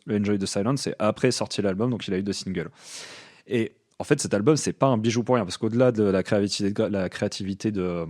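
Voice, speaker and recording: A man's voice: fairly low pitch, a little mellow. A man co-hosting a podcast, talking casually and with enthusiasm, with frequent fillers and restarts. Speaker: podcast co-host. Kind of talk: casual music chat.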